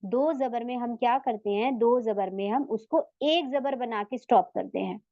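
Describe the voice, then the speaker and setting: A woman with a slightly high voice teaches a tajweed class online. She is patient and takes each step in turn, pausing to ask her students questions and stretching Arabic words out slowly to demonstrate them. The sound is dry and a little dull. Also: no echo. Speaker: Quran recitation teacher.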